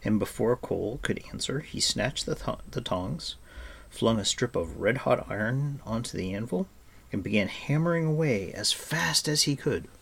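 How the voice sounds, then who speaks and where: A man reading a fantasy novel aloud as narrator, in a measured, expressive way. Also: mid-range voice, vocal fry, breathy edge. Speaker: audiobook narrator. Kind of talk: scripted storybook narration.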